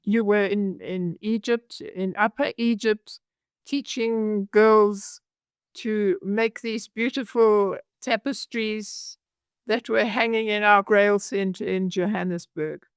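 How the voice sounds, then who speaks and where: Slow, smooth older South African woman. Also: mid-range voice, fairly even intonation, dry recording, clean studio sound. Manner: slow and halting, with small restarts. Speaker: guest. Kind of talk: casual conversation.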